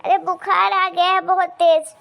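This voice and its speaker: Sharp-tongued, feverish mother-in-law who scolds and complains, played by a woman; cartoon story, high pitch. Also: flat delivery, normal speed, creaky, exaggerated voice. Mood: scolding. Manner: bitter and scolding. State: feverish and in pain. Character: harsh, complaining middle-aged mother-in-law.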